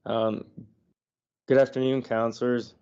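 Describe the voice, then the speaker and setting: A man who is feeling unwell, reading a prepared statement to a council committee in an earnest, slightly halting way over a remote call. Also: medium pitch, flat delivery, a little mellow, clean tone. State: unwell, under the weather. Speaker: property owner presenting to council. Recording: dull lo-fi online audio.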